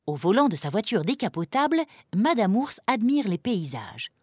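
A woman narrating a children's story in a lively, expressive reading voice. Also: medium pitch, moderate pace, dry recording, clean studio sound, faint music behind.

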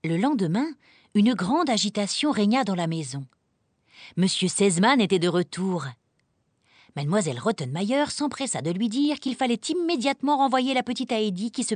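Woman reading a kids story, really expressive, voice going up and down a lot, dry close sound. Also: mid-range voice, dry recording. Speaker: narrator.

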